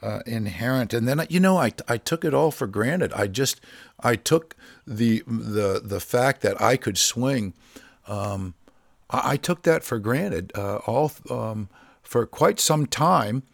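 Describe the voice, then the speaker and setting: A man being interviewed as a drummer guest, talking in a casual, halting way with many fillers and restarts. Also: medium pitch, expressive, creaky, no room sound, clean studio sound.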